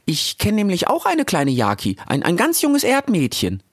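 A man doing a stammering, squeaky young meerkat. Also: huge pitch swings, moderate pace, slightly rough, no room sound, studio quality, exaggerated voice. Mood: nervous. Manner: stammering, hesitant. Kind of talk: audiobook character voice.

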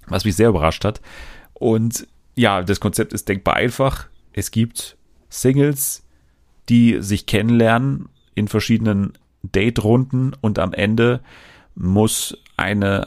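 A man with a very low voice hosts a relaxed chat, talking loosely with frequent fillers and restarts. His voice sounds dry and close, with almost no room around it. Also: no room sound. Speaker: podcast host. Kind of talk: casual chat about TV.

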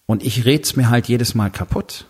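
A man with a husky voice talking to the listener in a casual monologue, blunt and crude, full of fillers, acting out his own inner doubts as quoted asides. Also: mid-range voice, moderate pace, darkish tone. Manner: blunt and conversational, with crude words and many fillers.

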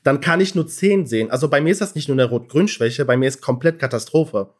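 A man's voice: mid-range voice, fast. Male guest, easygoing, explains at length, everyday voice. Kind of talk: casual chat.

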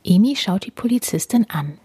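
A woman hosting and reading a storybook aloud to children in an animated, kid-friendly manner. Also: mid-range voice, normal speed, husky, no echo. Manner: warm, animated storytelling for kids.

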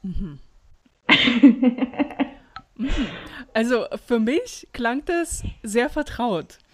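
A woman hosting a casual interview, relaxed and encouraging toward her guest. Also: a little high, drawn-out words. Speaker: podcast host.

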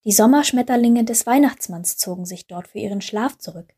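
Female storyteller, calm and gentle, breathy tone. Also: a little high, a little fast. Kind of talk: storybook narration.

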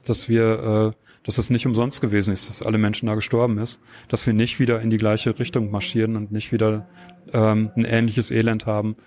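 A man answering interview questions, explaining at length and pausing often with fillers and tag questions. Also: lowish voice, completely flat delivery, a little mellow. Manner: hesitant, many filler sounds and tag questions. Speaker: interview guest.

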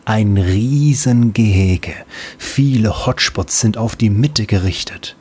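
A man's voice: fairly low pitch, slow pace, darkish tone, husky. A man narrating a comic audiobook in a playful storytelling manner.

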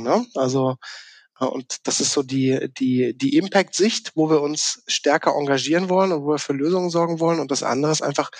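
A man's voice: a little high, no echo. A man from southern Baden, a podcast guest explaining his work in a conversational way. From southern Baden, Germany. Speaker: podcast guest, sustainability manager.

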